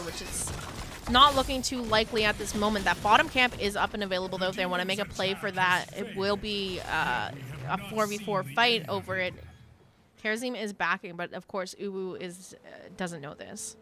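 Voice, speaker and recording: A woman's voice: a little fast, music in the background. A woman casting an online video game match, giving play-by-play with the hiccups, her voice jumping up on big plays. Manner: rises sharply in pitch and volume on big plays. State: has the hiccups. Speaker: esports caster. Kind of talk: play-by-play esports commentary.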